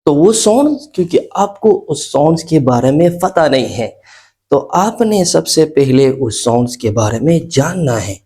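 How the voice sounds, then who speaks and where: A man's voice: a little high, animated, measured pace, warm tone, breathy edge. A man teaching a beginner English lesson, explaining step by step, repeating key points and asking and answering his own questions. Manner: often adds checking tags like "okay" and "isn't it". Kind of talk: classroom lesson explaining letters and sounds.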